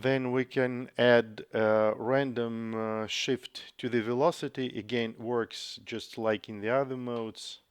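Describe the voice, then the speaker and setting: A man explaining music software step by step in a tutorial, with frequent pauses and fillers. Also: mid-range voice, steady tone, clear, resonant tone. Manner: slow, methodical explaining with frequent uhs. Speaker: software developer demonstrating a plugin. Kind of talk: screen-recorded tutorial. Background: guitar samples playing from the software.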